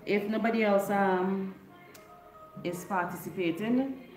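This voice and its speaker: A middle-aged livestream host from Grenada speaks slowly at medium pitch, her voice a little mellow and her accent Grenadian Creole English. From her neon-lit living room, using a stand-mounted desk microphone, she casually retells a folk story and reads viewer comments; the sound is roomy, with soft music in the background.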